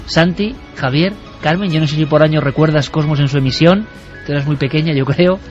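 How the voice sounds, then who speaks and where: A man with a somewhat high voice hosts a radio show, musing lyrically and speaking to his listeners. Faint music sits under a dull, muffled broadcast sound. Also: fairly quick. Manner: reflective, lyrical, addresses listeners. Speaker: radio host.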